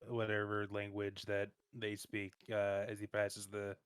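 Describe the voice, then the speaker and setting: A man's voice: on the low side, monotone, unhurried, clear, resonant tone, no echo. A man playing a tabletop game, making blunt, wry remarks in casual chat. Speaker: player.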